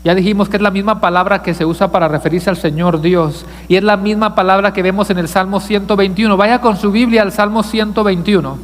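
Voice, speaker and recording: A man's voice: high-pitched, fairly even intonation, fairly quick, hardly any pauses, in a large hall, slight background noise. A male pastor preaching a sermon, asking the congregation questions and joking with them. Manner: asks the congregation questions, jokes with listeners. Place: church sanctuary.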